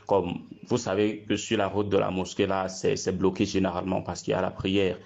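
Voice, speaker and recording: Man, Cameroonian accent, lowish voice, eyewitness storytelling, repetitive and emphatic, dull lo-fi sound. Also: flat delivery, fairly quick, gravelly, darkish tone. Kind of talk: informal spoken eyewitness account. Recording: muffled lo-fi recording.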